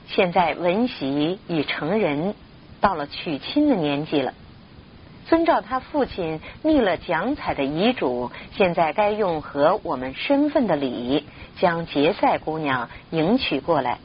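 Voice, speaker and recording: A woman voicing a wronged widowed mother who speaks in a solemn, measured way. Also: fairly low pitch, big pitch swings, lo-fi sound, slight background noise.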